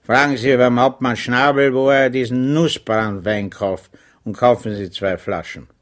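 Grumbling, hungover chaplain in a storybook, croaky and gloomy; a male reader does him. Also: medium pitch, fairly even intonation, a little slow, natural voice. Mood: urging. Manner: sighing, complaining.

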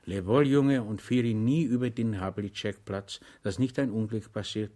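A man playing a soft-spoken old dog dealer. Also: fairly low pitch, normal speed, close to an everyday voice. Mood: gentle. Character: gentle older male dog dealer, old comrade.

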